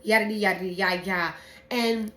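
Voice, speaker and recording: A sommelier, a woman, talks to camera in a relaxed, explanatory way while presenting a blind wine tasting, joking around with slang and swear words. Her voice is mid-range with a sharp tone, fairly even intonation, and normal speed, recorded with roomy echo and faint background noise.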